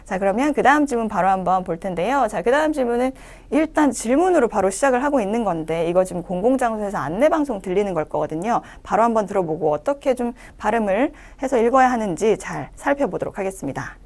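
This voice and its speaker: A woman teaching English pronunciation in a lecture, explaining step by step and reading the English phrases slowly to show them. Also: medium pitch, expressive, darkish tone. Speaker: English speaking-test instructor.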